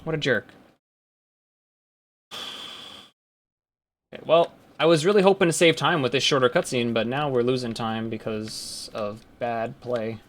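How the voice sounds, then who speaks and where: A young man giving casual live commentary as a speedrunner, talking through his moves and breaking into loud outbursts. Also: medium pitch, normal speed, hardly any pauses. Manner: casual, talks to himself, swings to loud outbursts.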